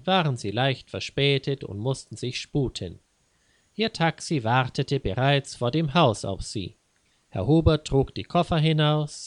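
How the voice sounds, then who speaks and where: A man reading a scripted lesson story aloud in a wry, teacherly way. His voice sits at a middle pitch. The recording is close and dry, with no room sound. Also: no echo. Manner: didactic, wry. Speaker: language teacher.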